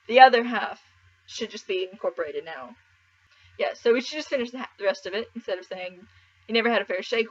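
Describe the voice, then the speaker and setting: A young woman with an American Southern accent, chatting to camera in a giggly, animated way. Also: medium pitch. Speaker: vlogger. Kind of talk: casual chat to camera. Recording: slightly dull lo-fi sound.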